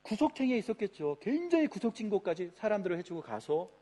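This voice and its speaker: A man's voice: sits high, big pitch swings, fast talker, warm tone. A male pastor preaching a sermon in a church, who acts out quoted voices for dramatic effect. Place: church sanctuary.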